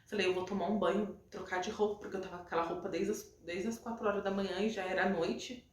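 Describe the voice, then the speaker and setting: A woman's voice: mid-range voice, steady tone, quick pace. A woman with a Brazilian Portuguese accent, a mother emotionally retelling a personal story to her viewers in a casual way. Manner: emotional retelling, often addressing viewers as "gente". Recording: echoey room, voice from a distance.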